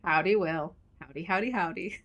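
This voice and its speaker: A woman's voice: on the low side, normal speed, a bit bright. A woman streaming a video game, chatting playfully with her viewers and reading their messages aloud. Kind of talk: casual live-stream commentary.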